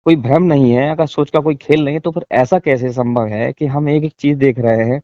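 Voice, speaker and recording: A man's voice: mid-range voice, steady tone, brisk, no echo, muffled recording. A man, a guest in a casual conversation, describing things in a searching, repetitive way over a video call. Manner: searching, repetitive, thinking aloud.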